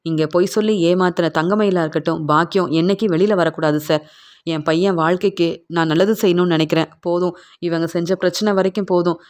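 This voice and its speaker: A woman's voice: on the low side, steady tone, fairly quick, a little mellow, natural voice. A woman reading the lines of an older father pleading on his son's behalf, in a retelling of a TV serial scene. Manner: pleading, aggrieved.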